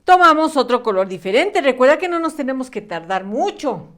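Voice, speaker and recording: A woman's voice: high-pitched, sing-song, brisk. A woman teacher leading a children's literacy lesson, encouraging the young viewers and stretching out syllables.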